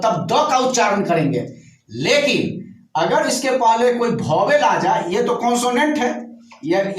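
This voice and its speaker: A male teacher with a notably high voice lectures his class, walking through each point step by step and repeating key words slowly. He is picked up from a distance, so the sound is roomy and echoing. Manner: addresses students with checking questions.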